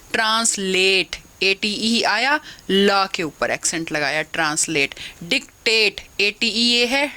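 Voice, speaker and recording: Woman teacher, slow, bright delivery; patient step-by-step explainer of rules. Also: medium pitch, low-quality recording. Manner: explains step by step, reads English rules slowly then restates them in Hindi. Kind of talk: phonetics lesson mixing Hindi and English.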